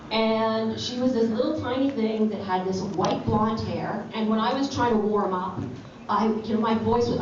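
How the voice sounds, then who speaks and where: A middle-aged woman on a convention panel, telling stories in an animated way and laughing often. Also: mid-range voice. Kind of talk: panel anecdote. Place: large convention hall. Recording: muffled, echoey hall from far off, noisy.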